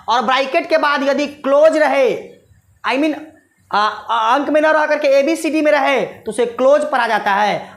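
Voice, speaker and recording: A woman teaches a commerce class in a high, bright voice. She fondly addresses her listeners as children. She keeps firing quick questions at them and answering them herself. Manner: quizzes students with repeated rhetorical questions. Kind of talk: explanatory class lesson.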